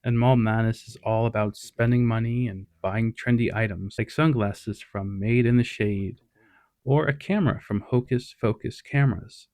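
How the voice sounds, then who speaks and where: A man's voice: medium pitch, moderate pace, mellow, no room sound. A man hosting a retro media review, narrating casually with wry, sarcastic asides. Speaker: host.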